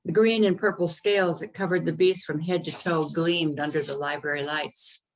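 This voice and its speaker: Lady author reading her kids story on a video call, calm, lower voice, few ums. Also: poor audio. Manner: unhurried reading with occasional ums. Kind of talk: reading aloud her own children's story.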